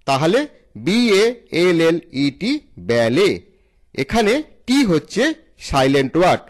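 A man with a Bengali accent hosts a pronunciation lesson, spelling English words letter by letter and then repeating the correct form. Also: a little high. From India. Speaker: English teacher and channel host.

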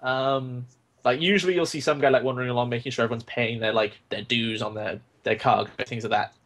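A man's voice: medium pitch, fairly even intonation, fast talker, a bit bright. A young man narrating a tabletop game as game master, in a loose, rambling way with lots of fillers.

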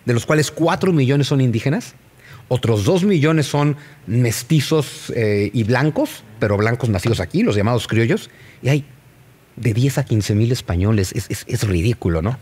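A man's voice: mid-range voice, moderate pace, husky. A man with a Mexican accent explaining history in casual conversation, posing rhetorical questions. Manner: animated, rhetorical questions to the listener.

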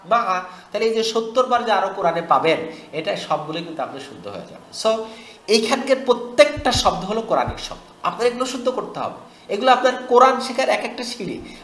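A man from Bangladesh teaching Quran pronunciation online, explaining in a conversational tone and drilling each syllable slowly and repeatedly. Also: sits high, a bit bright, roomy sound. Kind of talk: online tajweed lesson.

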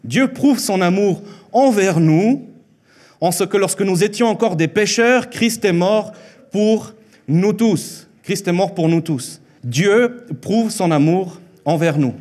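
An animated, high-pitched preacher with a darkish tone, this man in his thirties was born in Mexico and speaks Spanish as his first language. He delivers an earnest sermon into a handheld mic in a church hall, slowing on key lines and repeating phrases for emphasis.

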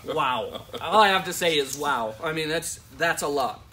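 Male host, relaxed sidekick energy, bright, raised pitch. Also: normal speed, slight background noise. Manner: echoes his partner's words, easygoing. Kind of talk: casual live-stream chat.

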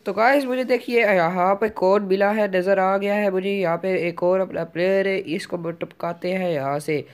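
This gaming YouTuber narrates his own gameplay in a high-pitched, clear, resonant voice that holds a steady tone. He sounds urgent, rapidly repeating words as he plays.

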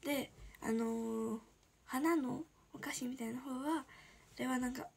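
Chatting casually on her livestream, this 18-year-old idol from Shizuoka, Japan, responds to viewer comments and frequently drops into a soft, breathy whisper. Her voice sits high, and she speaks at a measured pace.

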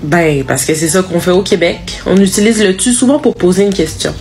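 A woman's voice: fairly low pitch, expressive, fairly quick, a little mellow. A woman with a Québécois French accent explaining her slang in teasing, exasperated comedy skits. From Quebec. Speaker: comedy TikToker. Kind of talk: comedic skits about language. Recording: music bed under voice.

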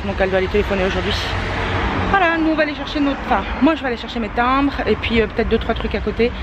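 At home indoors, a young woman vlogs to camera in a fairly high voice, casual and filler-heavy with self-mocking laughs. The background is noisy, and the audio comes from a handheld camera mic held by her partner.

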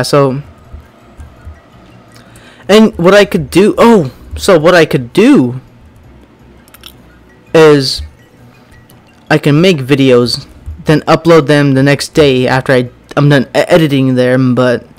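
A young man rambling through casual gameplay commentary, full of "like"s, with bursts of yelling. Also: medium pitch. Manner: rambling, many "like"s, bursts of yelling while racing. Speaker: gaming YouTuber.

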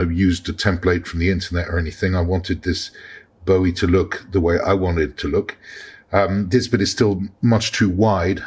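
A man narrating his workshop project in a relaxed, chatty way, with frequent ums and restarts. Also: deep voice, breathy edge. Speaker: maker showing his knife-making project. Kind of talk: casual workshop vlog narration.

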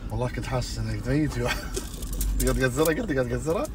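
A man's voice: mid-range voice, animated, very fast, a crowd in the background. A man, a friend of the host, chatting in a car, suspicious and jumpy with nervous laughs. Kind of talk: casual chat. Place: inside a car. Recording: noisy car interior.

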